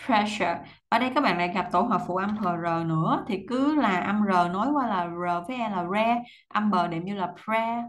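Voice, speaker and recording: Woman, pronunciation teacher, mid-pitched voice, slow careful repetition of words. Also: rough recording. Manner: repeats words slowly syllable by syllable, explaining sounds. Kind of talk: language lesson, reading and breaking down English sentences.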